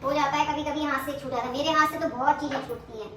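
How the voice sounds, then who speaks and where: Thirties woman chatting while she cooks, high voice, far from the cam in a boomy kitchen. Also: steady tone. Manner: chatty, unhurried, trailing off. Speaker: home vlogger. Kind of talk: casual cooking chat to camera. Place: home kitchen. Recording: echoey kitchen from far off, noisy.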